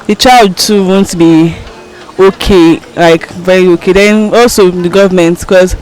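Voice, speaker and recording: A woman's voice: lowish voice, fairly even intonation, unhurried, a little mellow, faint music behind, low-quality recording. Young Nigerian woman answering questions. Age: young adult. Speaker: street interviewee. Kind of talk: spontaneous answer in an interview.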